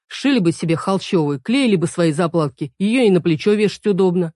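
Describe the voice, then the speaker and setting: A woman's voice: fairly low pitch, animated, brisk, mellow, dry recording, studio quality, close to an everyday voice. A woman doing a fussy, pedantic young man. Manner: correcting, fussy.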